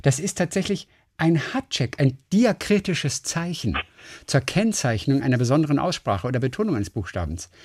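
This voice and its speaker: A man's voice: a little high, lively intonation, normal speed, a little mellow, breathy edge. A man co-hosting a casual chat, rambling, reading facts aloud and correcting himself as he goes.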